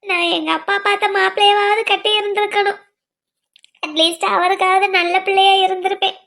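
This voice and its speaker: A woman's voice: very high voice, level tone, a little fast, gravelly, a bit bright, full character voice. A woman voicing a heartbroken young woman student in a cartoon love story, tearful and blaming herself. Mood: hurt, tearful. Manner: tearful, self-blaming pleading. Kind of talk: cartoon voice acting.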